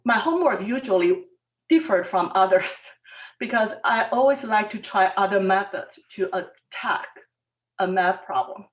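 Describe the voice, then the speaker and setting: This mathematics professor, a woman born in Taiwan, shares personal remarks as a panelist at an online panel. Her mid-range voice is quiet and hesitant, broken up by many ums. The audio is far-off and muffled, with a lo-fi quality.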